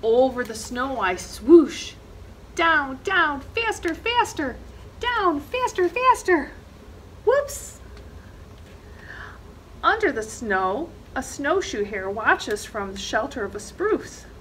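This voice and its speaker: Seated in the library's indoor reading corner, a middle-aged librarian reads a picture book to children at storytime. She speaks slowly in a high, sing-song voice, reading expressively and punching the action words dramatically. There is slight background noise.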